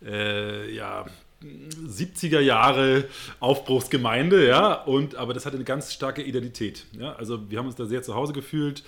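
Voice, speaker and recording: His voice is mid-range, gravelly, and a bit bright, with a moderate pace. He is a Hamburg native with a northern German accent, giving earnest, reflective interview answers while searching for words.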